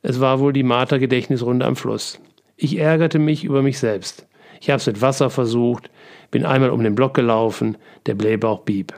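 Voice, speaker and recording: A man's voice: mid-range voice, steady tone, moderate pace, gravelly, a little mellow, lightly acted. A man reading the part of a tired, tipsy older father who keeps chuckling through his story, in an audiobook. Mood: rueful. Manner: giggly, breathless telling.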